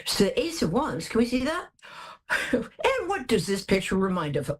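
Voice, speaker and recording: A woman's voice: fairly high pitch, big pitch swings, moderate pace. A woman hosting a casual live tarot reading, chatting to viewers in a playful, theatrical and wry way. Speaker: host, celebrity psychic.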